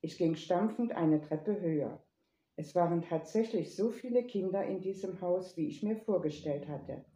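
A woman narrating a first-person story in a lively, playful manner, in an echoey room. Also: lowish voice, moderate pace. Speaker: reader.

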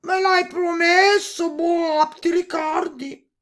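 A woman voicing a big, cheeky male toad who croaks between his words in a storybook reading. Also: very high-pitched, steady tone, slow, fairly bright tone, pitched above the performer's own voice, full character voice. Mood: insistent. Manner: breaks lines with a croaking "boh".

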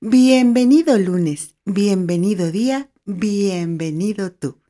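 A woman's voice: medium pitch, slow, warm tone. A woman hosting her own podcast, talking in a cheerful, playful, chatty way. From Mexico. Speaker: podcast host. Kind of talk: solo podcast monologue.

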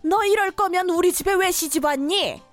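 A woman's voice: very high voice, normal speed, faint music behind. A woman voicing a domineering, scolding middle-aged mother-in-law in a cartoon story drama. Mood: furious.

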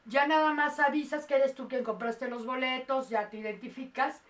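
A woman's voice: high voice, steady tone, normal speed, recorded from a distance. A woman co-hosting a casual talk show, playful and pleading earnestly with the audience. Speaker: co-host. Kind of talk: casual chat.

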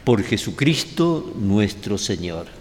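A man, a priest presiding at Mass, reciting prayers and blessings in a measured, solemn way, his voice ringing with long cathedral reverb. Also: fairly low pitch, sing-song. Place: large cathedral, indoors. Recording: echoey cathedral with faint ambient noise.

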